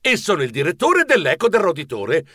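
A man reading a children's audiobook with a playful, highly animated delivery. His voice sits high and leaps around wildly. The studio recording is dry and close. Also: fairly quick, no echo. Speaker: audiobook narrator. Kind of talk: expressive audiobook narration.

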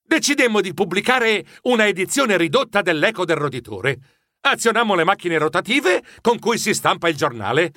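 A man narrating a children's story in an expressive, dramatic first-person style. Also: high voice, moderate pace, dry recording, studio quality. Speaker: audiobook narrator.

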